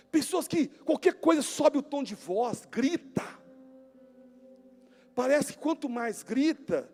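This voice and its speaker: A man preaching a sermon as pastor, emphatic, swinging between near-shouts and hushed tones. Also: very high voice. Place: church hall. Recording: long church-hall reverb with music behind.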